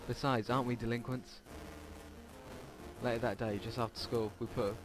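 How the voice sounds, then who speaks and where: With game music playing underneath, a man narrates a visual novel let's play at a normal pace in a level, medium-pitched voice. The recording is rough, and he reads casually, tossing in asides and tripping over words now and then.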